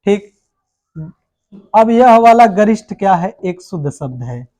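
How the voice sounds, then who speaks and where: Male coaching-class teacher with a high voice who quizzes and answers himself and spells words out slowly. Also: very animated, mellow. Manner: asks a question, then answers it in a falling voice. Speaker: Hindi teacher. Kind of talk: exam coaching lesson.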